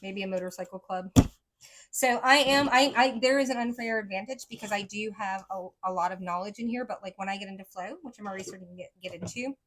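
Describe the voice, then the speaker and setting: A woman's voice: medium pitch, fast, fairly bright tone. A woman psychic reader talking casually to her viewers, rambling with lots of "like" and "right?", her speech a mix of accents she picked up from many places.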